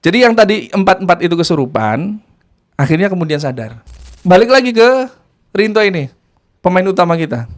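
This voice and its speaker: Man, high-pitched, casual storyteller, animated, swings between hushed and excited. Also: fairly quick, long pauses. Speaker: ruqyah practitioner telling of an exorcism.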